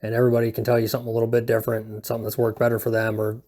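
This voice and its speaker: A man's voice: medium pitch, monotone, very fast, dark tone. A man giving a casual, unscripted how-to in a hesitant, self-deprecating, laid-back way, rambling as he goes. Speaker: video presenter giving a hobby how-to. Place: indoors at home.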